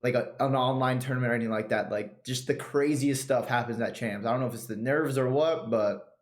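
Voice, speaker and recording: Male podcast host, mid-pitched, relaxed and chatty, roomy echoey sound. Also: a little fast. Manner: relaxed, chatty, recaps past matches. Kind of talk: casual chat.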